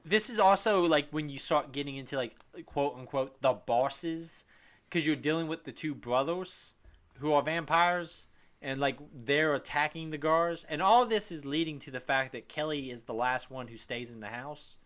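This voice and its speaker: Man, podcast co-host, casual chat, bright forceful voice, slightly high pitch, animated storytelling. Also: normal speed. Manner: animated, laughing retelling of scenes.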